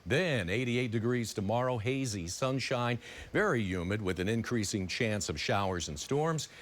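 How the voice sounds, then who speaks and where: A man's voice: medium pitch, animated, normal speed. A man presenting news and weather in a conversational broadcast style.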